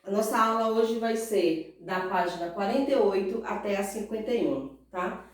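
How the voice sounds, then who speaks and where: A woman with a Brazilian Portuguese accent teaches a recorded remote class in a medium-pitched voice. She is slow and patient, draws out stressed syllables, and asks the pupils questions before answering in their voice. She sounds far from the mic, with a roomy echo.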